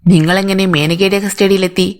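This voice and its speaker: A woman's voice: mid-range voice, steady tone, a little fast, natural voice. A woman voicing a stern male police inspector. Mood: questioning. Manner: firm, interrogating. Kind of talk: audiobook character voice.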